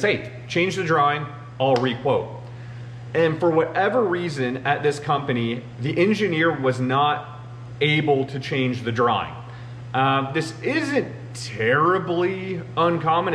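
Facing the camera across a large machine shop, a thirty-something man hosting a machinist show explains things casually, peppering his talk with "you know." He has a fairly high, fairly bright voice, and the roomy audio carries a faint hum.

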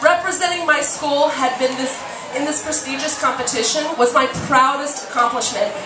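On a small, dim bar stage, a woman in her forties reads a memoir excerpt aloud as live storytelling, theatrical and emphatic. Her high voice keeps fairly even intonation at normal speed, picked up by a stand microphone and filmed from the audience at a distance. The roomy stage PA is heard from off, with music and a noisy background.

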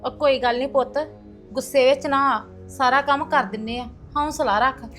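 A woman's voice: sits high, moderate pace, a bit bright, faint music behind. An actress playing a tired mother-in-law who soothes and argues back. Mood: soothing. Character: placating older mother, weary and defensive. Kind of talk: web drama acting. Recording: echoey room.

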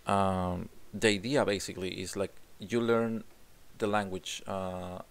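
In a room at home decorated with guitars, a job-seeking English teacher from Chile, in his forties, records his own interview answers into a desk condenser mic shown in frame. His low voice is clear, resonant, and steady, his pace measured, and his English bears a Chilean Spanish accent. He frequently says words twice while looking for what to say next.

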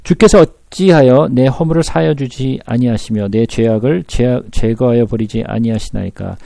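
A man reading scripture slowly and then explaining it, checking in with listeners through rhetorical questions. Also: medium pitch, creaky, mellow, dry recording. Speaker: Bible teacher.

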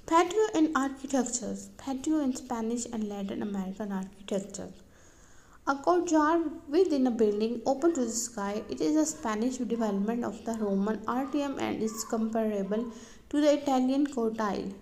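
A woman's voice: a little high, animated, moderate pace, darkish tone, low-quality recording. A woman narrating a home-and-garden explainer, reading questions and answers like a list, with occasional slips and restarts. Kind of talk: read-aloud explainer narration.

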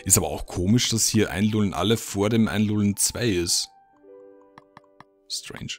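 Low-voiced man muttering through a game. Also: measured pace, faint music behind. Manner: thinks aloud, mutters, reacts to the game. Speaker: let's play gamer. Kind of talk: casual gameplay commentary.

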